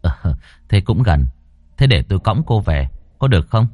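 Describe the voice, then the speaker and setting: A man's voice: deep voice, big pitch swings, normal speed, darkish tone. A man playing a polite, hesitant young villager. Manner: plain, hesitant speech with fillers.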